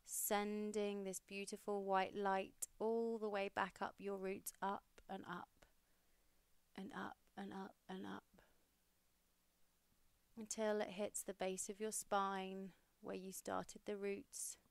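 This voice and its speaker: A young woman hosting a podcast, leading a guided meditation in a slow, soothing, steady way. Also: medium pitch, creaky, clear, resonant tone, dry recording.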